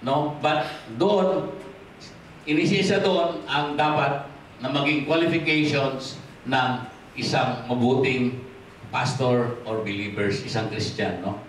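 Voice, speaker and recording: A man with a Filipino accent preaching a sermon as pastor, switching freely into English, rising to stress points and dropping low and quiet to close them. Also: slow pace, a little hiss or hum. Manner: mixes in English, asks the congregation for amens. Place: church hall. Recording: echoey hall from far off.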